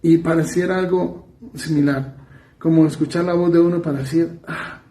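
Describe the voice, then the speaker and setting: Colombian priest giving a homily, fairly high but mellow voice, chatty preaching, echoey room. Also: male voice, fairly even intonation. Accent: Colombian Spanish. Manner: conversational preaching, soft trailing asides, quick runs then slow emphasis. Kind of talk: sermon.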